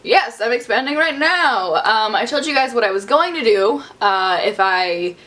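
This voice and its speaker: A woman's voice: on the high side, lively intonation, normal speed, fairly bright tone. A young adult woman, a beauty vlogger, answering viewer questions in a bubbly, chatty and playful way. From Southern US. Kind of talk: casual Q&A vlog.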